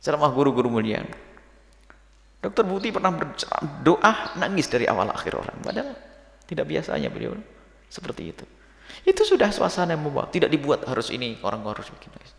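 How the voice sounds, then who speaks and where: A man, teaching a sermon lesson to his students with lively, teasing asides. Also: a little high, fairly quick, vocal fry, echoey room, big-room sound. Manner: lively, teasing asides, calls listeners "nak".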